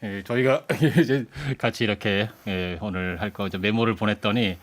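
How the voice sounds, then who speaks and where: A man's voice: lowish voice, moderate pace. A man who is a guest commentator in a radio studio, explaining ideas in a lecturing way with hesitant restarts. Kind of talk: radio current-affairs discussion.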